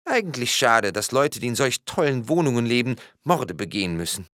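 A man voicing a naive, chatty male police officer who rambles with lively rising questions, in a read-aloud crime story. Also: mid-range voice, a little fast, no room sound, clean studio sound, voice pushed up. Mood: wistful.

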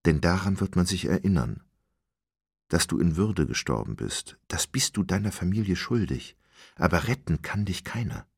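A man voicing a composed, stern woman official who speaks in a calm, measured, lecturing way. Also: low voice, vocal fry, breathy edge, no room sound, studio quality, heavily acted.

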